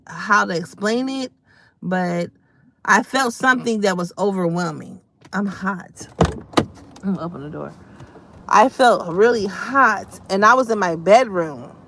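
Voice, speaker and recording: Slow-talking woman chatting on a live stream. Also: mid-range voice. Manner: chatty, addresses viewers warmly as y'all and baby. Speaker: livestream host. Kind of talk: casual live stream chat. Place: at home.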